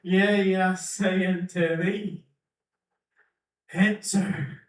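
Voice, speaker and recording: With a high, steady voice and drawn-out words, a preacher chants and repeats a prophetic message in archaic King James phrasing before breaking into tongues. The sound comes from far off in an echoey room.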